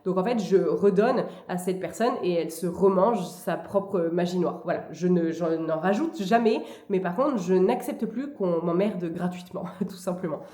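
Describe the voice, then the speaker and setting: A woman talking casually and hesitantly in a vlog, with frequent pauses as she gives advice. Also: lowish voice, mellow. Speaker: vlogger. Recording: echoey room.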